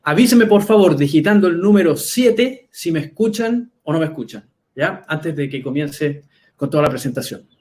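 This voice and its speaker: A man's voice: a little high, expressive, moderate pace, darkish tone. A Chilean man, a health coach, gives an online talk in a conversational way and often checks in with his audience. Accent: Chilean Spanish. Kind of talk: webinar presentation. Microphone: computer mic on a live video talk.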